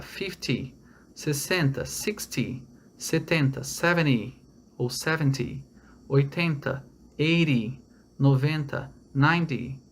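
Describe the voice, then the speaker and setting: A man from Brazil giving an online English lesson, explaining step by step and checking in with his students. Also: medium pitch. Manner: explains step by step, repeats numbers slowly in English; checks in with "tá?" and "olha lá". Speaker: English teacher.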